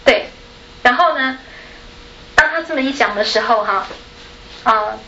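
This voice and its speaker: A woman's voice: on the high side, unhurried, slight background noise. A woman from Taiwan with a Taiwanese Mandarin accent, telling a personal story in a chatty way as a panel speaker. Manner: chatty, tags sentences with a soft particle, laughs often. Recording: echoey room, dull sound.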